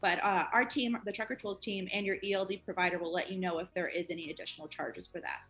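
A woman's voice: on the low side, quick pace, a bit bright, faint music behind. A woman in her twenties, a guest on a company interview, explaining eagerly over a video call. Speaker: project manager guest.

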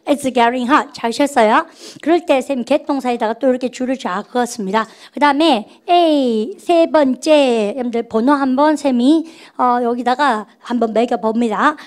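In a grammar lecture, a high-voiced woman runs call-and-response drills, referring to herself as the teacher in a chatty, playful way. She talks at normal speed with hardly any pauses, and her tone leans darkish.

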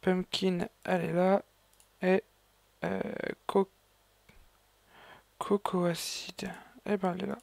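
A man's voice: sits high, flat delivery, a little slow, gravelly, darkish tone. A man giving casual gameplay commentary as a video host, rambling and hesitant, with many fillers and self-corrections. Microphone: raised gaming mic.

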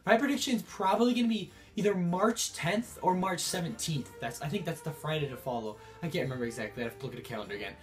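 A young man vlogging about video games, sick with a cough and a rough voice, talking in an excitable, rambling way. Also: fairly high pitch, fast talker, hardly any pauses, soft background music. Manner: excitable, rambling, many restarts. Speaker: gaming YouTuber. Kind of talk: excited casual vlog to camera.

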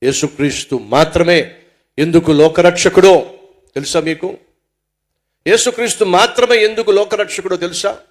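Animated middle-aged male pastor. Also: high-pitched, normal speed, pauses often. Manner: animated, asks the audience rhetorical questions. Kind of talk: storytelling sermon.

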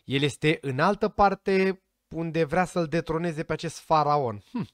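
A chatty man with a slightly high voice talks casually to his viewers, speculating freely and sometimes stumbling over names. The sound is dry and close, with no room echo. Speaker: vlogger reacting to a series trailer. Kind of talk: casual commentary addressed to viewers.

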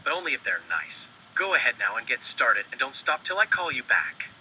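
A text-to-speech male voice reading the lines of a worried middle-aged innkeeper in a flat synthetic manner. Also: mid-range voice, brisk, slight background noise, poor audio.

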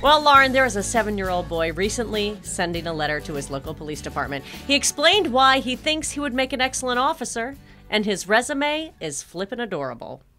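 A woman's voice: medium pitch, big pitch swings, a little fast, hardly any pauses, sharp tone, soft background music. An American woman co-hosting a podcast, chatting casually and reading out stories in a jokey, exclamatory way. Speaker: podcast co-host.

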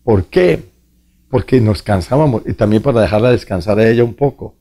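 A man, a priest, preaching and telling a testimony slowly and earnestly to the viewer. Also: lowish voice, lively intonation, warm tone. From Colombia. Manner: slow, earnest storytelling, addressing the viewer directly.

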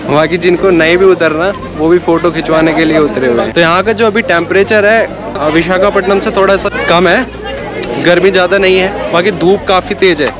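A travel vlogger narrates his train journey casually, talking to viewers on board and at stops, blending English words into his Hindi. His voice is high-pitched and a little fast. Crowd noise and loud background music fill the recording.

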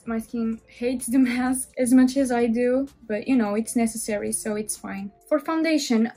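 In her small bedroom, a young Portuguese beauty vlogger in her twenties talks viewers through her makeup in accented English, friendly and chatty as she explains each step. Her voice sits a little high but has a dark tone.

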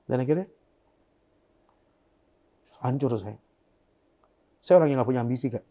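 A young man as an interview guest, telling a painful personal story in a soft, subdued way that often trails off quietly. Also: medium pitch, animated, moderate pace.

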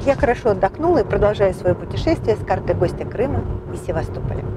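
A woman presenting a travel promotion in an upbeat, expressive way. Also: mid-range voice, quick pace, background noise. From Crimea. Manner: bubbly, expressive. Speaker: tour presenter. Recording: music playing behind.

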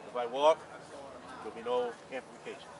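A man who preaches on the street insistently argues with police at an outdoor market, speaking over others with earnest conviction. His high voice is sing-song, brisk, a little mellow, with vocal fry. The recording picks him up from a distance amid a bustling crowd.

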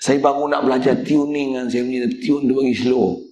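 A man's voice: mid-range voice, fairly even intonation, brisk, mellow, reverberant, a little hiss or hum. A male religious teacher, giving a mosque lecture in a blunt, teasing way and speaking straight to the congregation.

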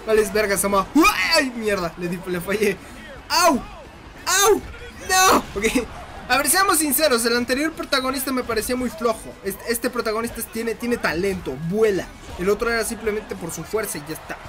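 A man giving casual gameplay commentary, excitable, laughing often and shrieking when hit. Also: high-pitched. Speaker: gaming commentator.

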